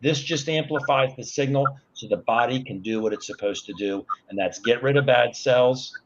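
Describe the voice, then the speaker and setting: A man's voice: mid-range voice, moderate pace, dull audio. A man in his sixties, a guest on an online talk show, earnestly explaining things step by step. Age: 60s.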